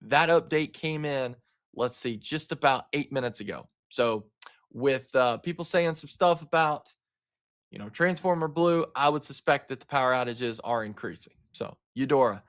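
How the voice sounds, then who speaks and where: A man from Arkansas hosts a live severe-weather stream. His delivery is casual and chatty, full of fillers and asides to his viewers. His voice sits at an ordinary middle pitch. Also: normal speed, fairly bright tone. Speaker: livestream weather host.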